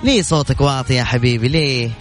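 A man hosting a radio call-in quiz, teasing and affectionate with his callers in lively banter. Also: mid-range voice, fast, soft background music.

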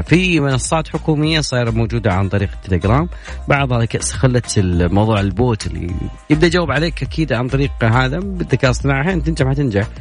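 Fast-talking radio host, man. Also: medium pitch. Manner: chatty, playful, fast-talking. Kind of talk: casual radio talk show.

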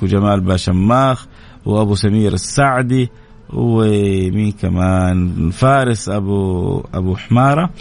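Man, radio host, rapid casual chat, rough creaky voice. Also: lowish voice. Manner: warm greetings, quick lively delivery. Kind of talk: casual live radio chat, reading listener names.

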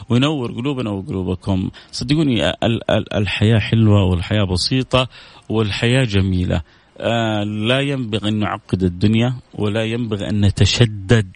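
A man's voice: lowish voice, fairly quick, dry recording. A man hosting a religious call-in show, chatting casually, reading viewer messages aloud and repeating phrases for emphasis. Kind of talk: casual broadcast talk with religious advice.

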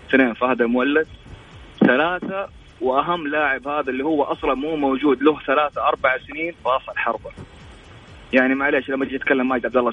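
A man from Jeddah, calling in by phone to argue his points rapidly, over a bad phone connection that keeps cutting out. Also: medium pitch, breathy edge. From Jeddah, Saudi Arabia. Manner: rapid, argumentative, stacks points. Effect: bad phone connection that cuts out. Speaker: caller. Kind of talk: phone-in sports opinion. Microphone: phone call. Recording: muffled, cutting-out phone line.

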